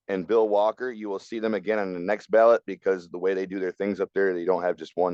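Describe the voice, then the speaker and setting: Blunt low-voiced man on a podcast. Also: a little mellow, clear, resonant tone, no echo, muffled recording. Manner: blunt and opinionated. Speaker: podcast co-host. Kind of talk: casual political talk.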